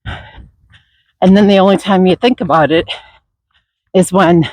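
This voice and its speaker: A runner records a reflective, motivational vlog while out running. The voice is mid-pitched and slow, coming in short, halting phrases with pauses. The sound is dry, with no echo. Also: fairly even intonation, a little mellow. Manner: reflective, halting, unscripted delivery. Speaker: runner vlogging.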